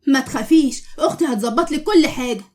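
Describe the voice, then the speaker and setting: A woman's voice: sits high, fast talker, a little mellow, natural voice. A woman with an Egyptian accent voicing a blunt but caring woman prisoner who scolds her cellmate. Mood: scolding. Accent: Egyptian Arabic.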